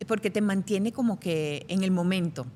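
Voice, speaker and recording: A middle-aged actress from Venezuela, telling stories in a lively way during a casual interview. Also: female voice, medium pitch, normal speed, a little hiss or hum. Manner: lively anecdotal storyteller. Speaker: actress guest.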